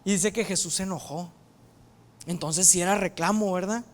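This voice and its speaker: A woman preaching a sermon, retelling scripture as animated storytelling and acting out its voices. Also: fairly low pitch, normal speed.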